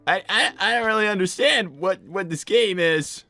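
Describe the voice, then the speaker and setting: At normal speed and medium pitch, close to an everyday voice, this streamer speaks over loud music. Hosting a game livestream as a flustered young boy fox cartoon character, he stammers, repeats words, and sounds puzzled.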